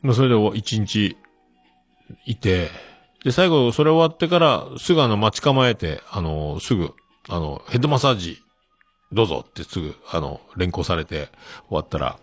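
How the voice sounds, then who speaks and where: Middle-aged male host, low husky voice, lively swings in pitch, rambling with fillers. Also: moderate pace, dry recording, soft background music. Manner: rambling, full of fillers, chuckling at himself. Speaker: show host. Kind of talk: casual solo talk.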